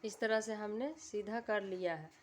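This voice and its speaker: A woman giving a calm, step-by-step sewing tutorial, repeating her instructions patiently. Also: medium pitch, normal speed, a little hiss or hum. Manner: calm, repetitive instructional voice-over.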